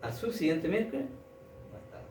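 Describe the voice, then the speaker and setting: A man preaching and retelling a story, circling back over his words with halting restarts. He stands well away from the mic, and the room rings with echo. Steady background ambience runs beneath him throughout. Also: a little high, slight background noise. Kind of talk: sermon storytelling. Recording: echoey room, distant mic, audible ambience.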